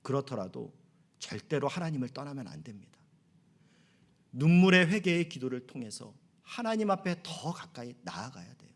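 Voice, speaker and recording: A man's voice: a little high, fairly bright tone. A middle-aged man preaching a sermon as pastor, earnest, lifting his voice on key phrases. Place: church sanctuary.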